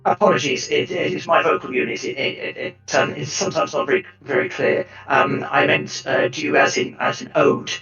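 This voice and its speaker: Guy doing a voice changer filtered hooded augmented dude, gravelly, halting, roomy and far off, dull sound. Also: on the high side, pushed and bright. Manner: halting, hesitant, full of fillers. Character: hooded augmented man with a mechanical voice unit. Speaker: tabletop game player. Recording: echoey, distant, dull with music.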